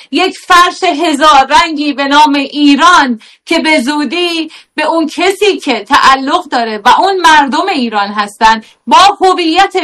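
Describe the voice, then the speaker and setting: High-voiced female panel host. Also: a bit bright. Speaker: host of a television talk show. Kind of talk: presenting and moderating a panel.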